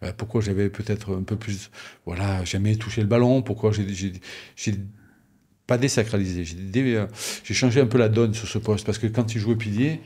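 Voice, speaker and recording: Low-voiced man telling rugby stories. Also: normal speed, breathy edge. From Toulon, southern France. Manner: lively anecdotes, acts out voices of others. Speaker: interview guest, former rugby prop. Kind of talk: casual storytelling interview.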